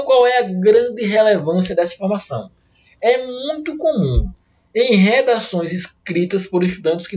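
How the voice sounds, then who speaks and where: Um professor dando uma aula de gramática, falando devagar, repetindo as explicações e alongando as palavras de exemplo. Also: male voice, high-pitched, a little mellow, muffled recording. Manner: slow, repetitive, stretches out example words. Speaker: teacher. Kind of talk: grammar lesson.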